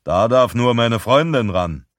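A man's voice: medium pitch, animated, measured pace, no room sound, clean studio sound, natural voice. A man doing a coarse, snarling thug. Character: crude aggressive male thug.

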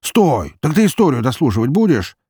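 A man voicing a brash, crude, teasing male police investigator, loud and boisterous. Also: fairly low pitch, animated, moderate pace, creaky, breathy edge, no room sound, studio quality, voice pushed up, full character voice.

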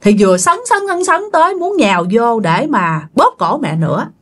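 A woman's voice: fairly high pitch, sing-song, normal speed, a bit bright. A woman telling a ghost story, speaking animatedly and addressing her listeners directly. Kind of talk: spoken ghost story narration.

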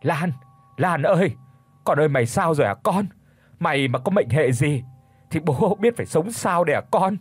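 A man voicing a frantic middle-aged father who pleads and shouts in a hurry, with a husky voice. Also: on the high side, big pitch swings, dry recording. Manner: desperate, shouting, hurried.

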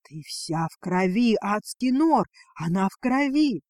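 Hoarse hotheaded young dragon guy, highish voice, narrator putting him on. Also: expressive, takes it slowly, dry recording, clean studio sound, full character voice. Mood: urgent. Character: hoarse impulsive young male dragon heir.

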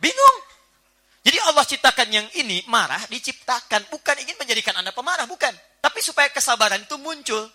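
Animated man preaching with jokes. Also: very high voice, quick pace, hardly any pauses. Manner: animated, jokey, acts out little household scenes. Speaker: Islamic preacher. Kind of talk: lively sermon to a live audience.

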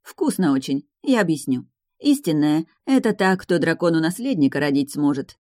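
A woman voicing a haughty, sharp-tongued dragoness lady in an audiobook, talking high, loud and scornful. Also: animated, moderate pace, dry recording, studio quality. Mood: knowing. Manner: scornful, commanding, raised and loud. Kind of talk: audiobook character reading.

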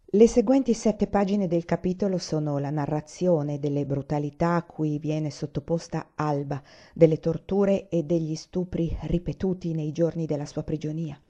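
Woman with a very dark, mellow reading voice. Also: deep voice. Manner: calm, measured literary reading. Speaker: reader of novels. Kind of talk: audiobook-style reading of a novel. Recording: dull lo-fi recording.

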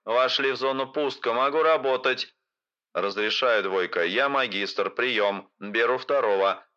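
A man's voice: medium pitch, measured pace, sharp tone. A man reading out military officers' radio exchanges, speaking in clipped, formal call procedure as if over a field radio. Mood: terse. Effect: radio transmission sound. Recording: dull lo-fi radio sound.

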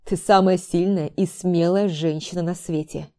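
A gentle young husband, read by a woman, soft and soothing. His lines come in her own mellow, dark tone. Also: lowish voice, steady tone, normal speed, close to an everyday voice. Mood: reassuring.

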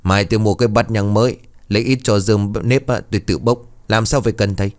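A man voicing a stingy, scolding middle-aged village mother who nags in a fast, sharp way. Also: steady tone, lightly acted. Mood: nagging. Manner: nagging, shrill scolding.

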